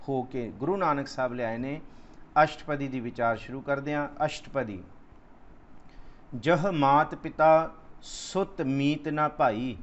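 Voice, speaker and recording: A man giving a Sikh scripture discourse, slowly chanting verses and then explaining them in plain speech. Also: medium pitch. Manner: slow sung recitation of verses between plain explanation. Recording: slightly dull lo-fi sound.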